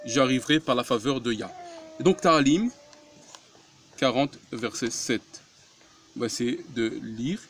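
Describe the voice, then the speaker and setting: A man giving a Bible study talk, reading scripture aloud and explaining it in short, deliberate phrases. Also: medium pitch, expressive, a little hiss or hum. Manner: slow, deliberate, breaks phrases into short pieces; reads Hebrew words aloud louder, word by word. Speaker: religious teacher.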